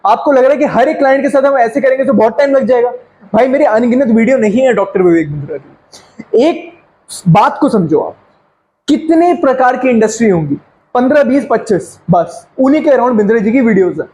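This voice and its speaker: A man coaches a class on sales. His voice sits very high for a man. He talks with lots of energy, fast and chatty, and drops English phrases into his lessons. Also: expressive, darkish tone, muffled recording. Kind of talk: sales training lecture.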